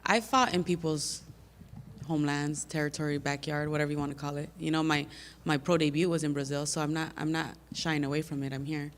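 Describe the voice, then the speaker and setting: An American woman fighter answers reporters' questions at a media day press conference, earnest and plainspoken, often repeating words while searching for the right ones. Her voice is deep, her intonation fairly even and her pace moderate, and the recording has a big-room sound.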